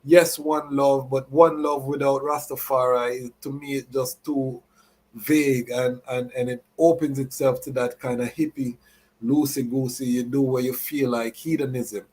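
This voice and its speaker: A man's voice: mid-range voice, steady tone, measured pace, darkish tone, breathy edge. A man hosting a live show, mixing announcements with Rastafari reasoning in Rastafarian idiom and repeated catchphrases. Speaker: podcast host.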